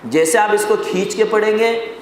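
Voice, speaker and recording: A man teaching a Quran recitation class, explaining rules step by step, quizzing his students and repeating lists. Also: high-pitched. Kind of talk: classroom lesson. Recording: very echoey hall with faint noise.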